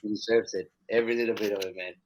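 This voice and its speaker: Low-voiced joking podcast guy. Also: fairly even intonation, rapid-fire, darkish tone, a little hiss or hum. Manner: playful, joking, trails off into slang. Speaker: podcast co-host. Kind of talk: casual chat.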